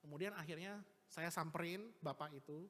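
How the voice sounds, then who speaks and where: A man's voice: a little high, moderate pace, bright, forceful tone. A male evangelist telling a personal story in a casual, chatty sermon, full of small tag words and restarts. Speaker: evangelist preacher. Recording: long church-hall reverb.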